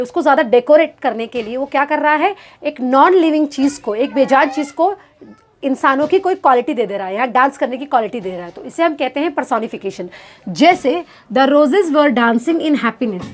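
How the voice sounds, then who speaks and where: A woman teaching English grammar who explains step by step, asks and answers her own questions, and reads the English examples slowly and deliberately. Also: high voice. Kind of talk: grammar lesson.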